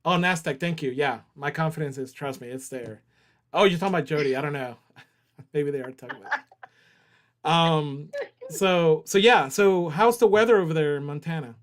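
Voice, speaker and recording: A man from the Southern US hosts a casual livestream, joking around and reading viewer chat out loud. His voice is a little high, at a moderate pace.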